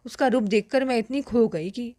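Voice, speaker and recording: A woman reading a story aloud and voicing a dreamy, carefree young woman in love, soft, slow and wistful. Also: fairly high pitch, no room sound, studio quality, close to an everyday voice. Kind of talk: first-person story narration.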